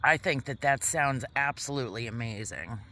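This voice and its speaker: Bright-voiced woman chatting outdoors. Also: rumbling low, moderate pace. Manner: chatty, rambling, eating while talking. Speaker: vlogger. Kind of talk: casual vlog chat. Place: outdoors in a quiet park. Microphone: camera mic.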